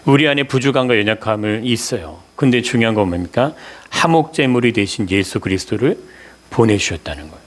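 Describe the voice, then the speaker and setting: A man's voice: fairly low pitch, animated, a little fast. A man preaching a Sunday sermon as pastor, asking the congregation questions, answering them himself and repeating key words for emphasis.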